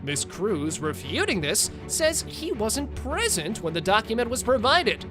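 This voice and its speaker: A narrator reading a scripted recap in a measured, formal way. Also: mid-range voice, big pitch swings, over music.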